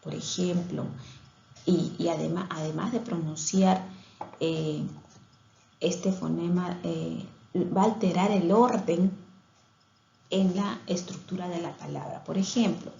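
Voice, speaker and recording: A woman's voice: on the low side, fairly even intonation, slow, creaky, mellow, echoey room, highs cut off. A woman giving a recorded lecture on speech therapy, explaining things step by step with some hesitations and restarts.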